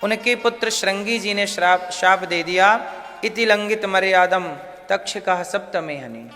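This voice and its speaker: A man's voice: sits high, measured pace, sharp tone, in a large hall, faint music behind. A man telling a devotional story as a sermon, asking the audience questions and answering them himself. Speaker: religious storyteller.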